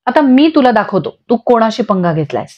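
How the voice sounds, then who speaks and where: A woman's voice: on the high side, very animated, fairly quick. A woman voicing an angry young man who answers with cutting, scornful comebacks. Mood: determined. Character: defiant angry man, sharp-tongued and scornful. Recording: dull lo-fi audio.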